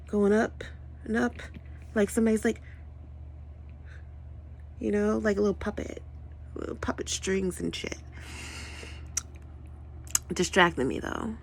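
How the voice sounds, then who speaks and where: Gravelly, husky woman ranting casually. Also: mid-range voice, a little mellow. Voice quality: profane, rambling, sarcastic asides. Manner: frequent self-corrections and tangents. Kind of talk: casual spoken monologue.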